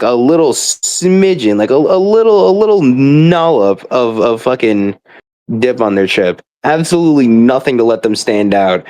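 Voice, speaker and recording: A young man rambles casually through an exasperated, emphatic rant about a video game, swearing often like a venting gamer. His voice is mid-range and a little mellow.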